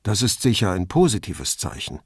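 A man's voice: on the low side, sing-song, normal speed, vocal fry, slightly rough, no room sound, studio quality, heavily acted. A man voicing a middle-aged male police commissioner who asks careful, concerned questions.

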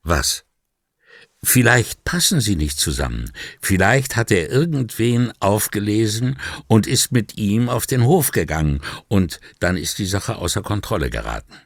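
A man narrating a crime novel audiobook in a measured reading style, lightly voicing the dialogue. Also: lowish voice, very animated, no room sound, clean studio sound. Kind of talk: scripted narration.

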